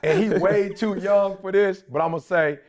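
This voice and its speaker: A man's voice: sits high, moderate pace, a little mellow. A man co-hosting a podcast in casual, bantering chat, informal and prone to repeating his phrases. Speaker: podcast co-host.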